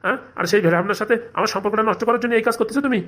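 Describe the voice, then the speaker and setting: A woman voicing a blustering middle-aged male politician husband in a comedy cartoon, shouting demands at his wife. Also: mid-range voice, very fast, lightly acted. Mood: demanding.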